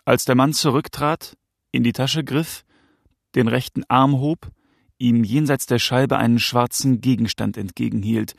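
Gravelly male audiobook narrator. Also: medium pitch, steady tone, no room sound, clean studio sound. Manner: measured, tense storytelling. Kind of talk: audiobook narration of a crime novel.

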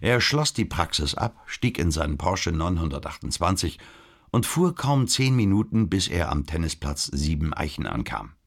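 A male audiobook narrator with a very low, husky voice. He tells the story in a steady, measured way.

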